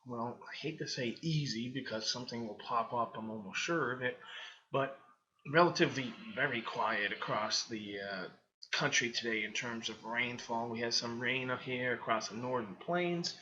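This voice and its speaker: A weather analyst with a Boston accent gives a loose, casual weather rundown over a screen share, full of fillers. His voice is medium in pitch, pushed and bright, at a moderate pace. The recording sounds muffled.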